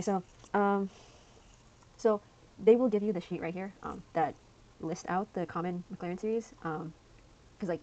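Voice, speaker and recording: Fast, rambling young woman tutoring. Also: fairly low pitch, darkish tone, highs cut off, a little hiss or hum. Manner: rambling, filler-heavy, slangy. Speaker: student tutor. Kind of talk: casual study lesson.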